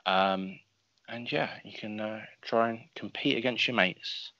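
Man, podcast co-host, deadpan teasing, low voice, dull, dry call audio. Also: a little slow, no room sound. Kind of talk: casual podcast chat.

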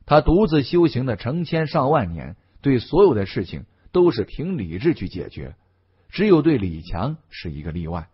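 A man narrating a novel as an audiobook in an expressive, scripted delivery. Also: mid-range voice, moderate pace, husky. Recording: dull lo-fi audio.

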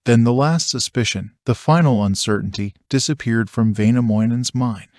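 A man narrating an audiobook in a measured, even reading. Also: medium pitch, dry recording, studio quality.

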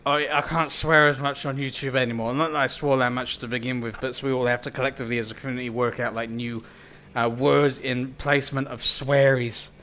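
A man talks through a game on a live stream, his voice bright and sharp-edged. He swears constantly and slips into mock-theatrical taunts. The pitch sits at an ordinary middle level. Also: level tone, a little fast, hardly any pauses. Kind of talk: live gaming stream commentary.

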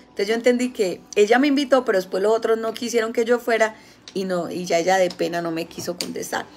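A woman with a Colombian accent giving a casual spiritual talk, telling stories with lively, acted-out quotes. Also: mid-range voice, quick pace, a little hiss or hum. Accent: Colombian Spanish. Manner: animated storytelling, acting out quoted voices. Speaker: spiritual healer.

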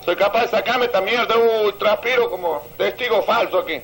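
Out on a seaside promenade, this man from Santiago del Estero rattles off crude stand-up jokes in a Santiagueño Argentine accent, cracking himself up at every punchline. He sounds high-pitched, brisk and a bit bright, with poor audio marred by a little hiss or hum.

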